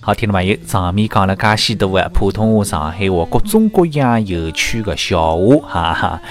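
A man's voice: sits low, moderate pace, soft background music. A man with a Shanghainese accent hosting a joke-telling show, mixing Shanghainese and Mandarin and laughing at his own punchlines. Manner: lively, switches between Shanghainese and Mandarin, laughs at own jokes. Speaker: radio-style comedy host.

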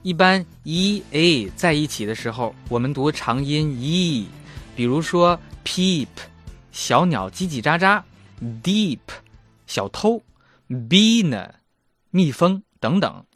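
Lively, playful Chinese-speaking language teacher man. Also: fairly high pitch, takes it slowly, soft background music. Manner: chatty, self-mocking, playful. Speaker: German language teacher and host. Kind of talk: casual language lesson.

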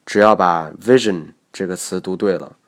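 A man with a very low voice narrates a pronunciation lesson. He explains each point step by step in a measured way. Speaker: English pronunciation teacher.

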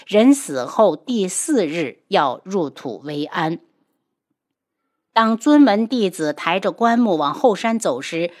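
A woman reading a novel aloud as an audiobook narrator, in expressive scripted narration. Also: medium pitch.

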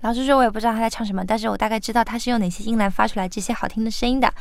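Clear-voiced woman teaching a song. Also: fairly high pitch, fairly even intonation, dry recording, clean studio sound. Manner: patient, sings example lines slowly then explains. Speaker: singing teacher. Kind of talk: song pronunciation lesson.

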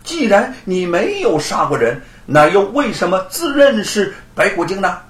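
A sharp-tongued young scholar, as a storyteller puts him on, quick-witted and pointed. The voice is a little high and moves a lot. A roomy echo sits on the recording. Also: male voice, sing-song. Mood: cold.

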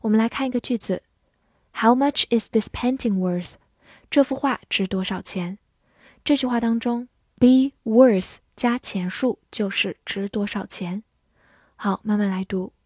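A woman teaching English vocabulary in a scripted lesson. She spells words letter by letter and reads example sentences slowly. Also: a little high, a little mellow, no echo, studio quality.

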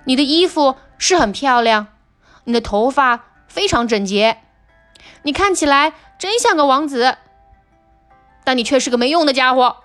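A woman's voice: high voice, animated, normal speed, long pauses, faint music behind. A woman doing a bold, plucky young princess. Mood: scornful. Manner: bright, eager exclamations.

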